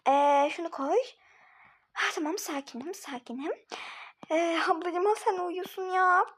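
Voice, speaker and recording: A woman playing a flustered older sister rushing to get to school, talking to herself and repeating words in a homemade mini-series. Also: extremely high pitch. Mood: bossy.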